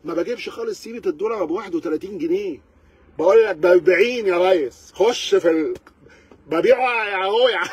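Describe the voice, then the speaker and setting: A man's voice: high voice, fast, breathy edge, no room sound. A man with an Egyptian Arabic accent, a car reviewer ranting to camera in a sarcastic, exasperated way, firing rhetorical questions. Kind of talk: animated rant to camera.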